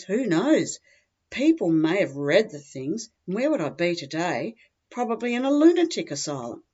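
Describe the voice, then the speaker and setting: An Australian-accented woman, a humorous writer, reads her own scripted first-person story in a dry, matter-of-fact comic style. Her voice is low-pitched and a little mellow, with a lo-fi sound.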